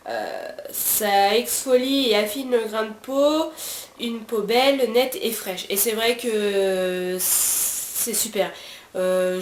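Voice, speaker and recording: A French woman with a French accent reviewing beauty products in a casual chat, talking freely with many fillers and restarts. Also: mid-range voice. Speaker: beauty vlogger. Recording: roomy echo, faint background hiss.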